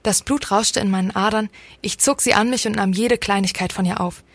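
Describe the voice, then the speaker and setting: A woman reading a first-person story aloud in a calm, measured way. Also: mid-range voice, no room sound. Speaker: story reader. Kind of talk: scripted story narration.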